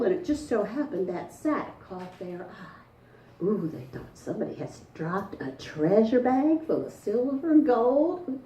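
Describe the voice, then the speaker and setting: A woman's voice: mid-range voice, mellow, slight background noise. A woman storyteller, telling a folktale to a live audience in a folksy, dramatic way. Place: front porch event. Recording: echoey, distant mic, faint ambience.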